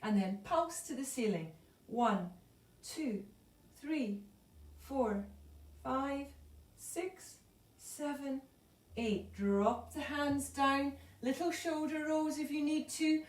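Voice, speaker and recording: A woman leading a yoga class, calmly cueing breath and movement, a little out of breath. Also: sits high, takes it slowly. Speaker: yoga instructor. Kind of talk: live online yoga class instruction. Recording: echoey room, voice from far off.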